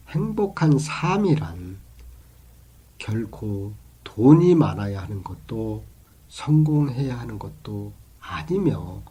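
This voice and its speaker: A middle-aged man delivers life advice in a slow, earnest, lecturing way. His voice is mellow and slightly husky, with a lively rise and fall of pitch. He often lets phrase endings sink into a near whisper. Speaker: channel host giving life advice.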